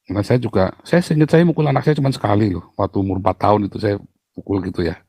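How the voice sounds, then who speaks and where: A middle-aged man preaching a sermon to his church, animated and full of playful mock voices and sound effects. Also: rapid-fire, breathy edge, no room sound. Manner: animated, jumps to high mocking tones and sound effects. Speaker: pastor.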